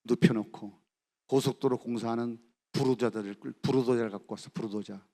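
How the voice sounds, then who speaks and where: A middle-aged man preaching at a youth camp service, telling the story dramatically and acting out the characters' lines, swinging from shouts to hushed near-whispers. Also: medium pitch, steady tone, fairly quick. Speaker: pastor. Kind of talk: sermon.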